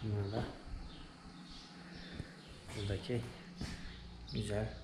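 A young man, a travel vlogger, walks through a small museum giving a casual guided walkthrough, naming exhibits one after another in short bursts. His voice is lowish, his delivery flat, and his pace slow. The room is echoey and the background noisy.

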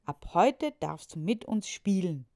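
A woman reading a children's story aloud, voicing an eager young boy who talks in an excited, pleading way. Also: on the low side, a little slow, no echo, studio quality. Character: eager young boy Julius, the mayor's son.

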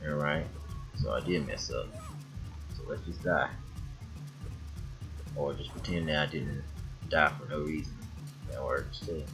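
A man hosts a let's play with casual, off-the-cuff commentary. His voice is extremely low, and game music plays clearly behind him. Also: steady tone, a little slow, pauses often, low-quality recording. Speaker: gaming video host.

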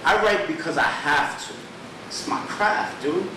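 A man performing his own spoken word poems at an open mic, with a rhythmic, rhyming delivery and dramatic pauses. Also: on the high side. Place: small poetry theater stage. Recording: echoey room, distant mic, background hum.

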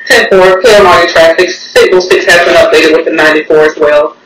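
A dispatcher's voice comes over a two-way security radio, high-pitched and very flat as he reads out codes and times. The sound is distant and echoey, with loud static behind it. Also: fairly quick. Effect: two-way security radio transmission.

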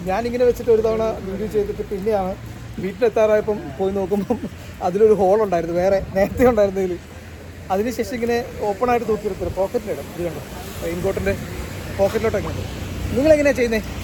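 Loud traffic and rain noise surrounds a man with a high-pitched voice and a Kerala accent. He vlogs casually outdoors, talking to his viewers in enthusiastic slang and mixing English words into his Malayalam. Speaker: vlogger. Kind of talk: casual travel vlog chat.

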